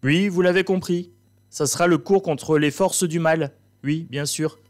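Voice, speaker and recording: A man's voice: on the high side, a little slow, a little mellow. A man hosting, playing a mock-stern schoolteacher in a comic, theatrical way. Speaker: host. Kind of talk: comic teacher role-play.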